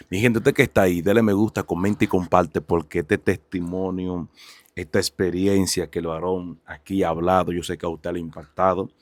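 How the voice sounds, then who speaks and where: Brief: low, deep male host of a faith testimony show, fervent and exclaiming, dry close sound. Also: dry recording. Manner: fervent, exclaiming praise and urging viewers.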